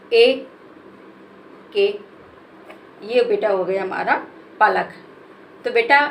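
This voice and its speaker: A woman teacher, spelling out words letter by letter in a slow, patient lesson for children. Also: a little high, slight background noise, poor audio. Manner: patient, spells letters one by one, calls listeners "beta".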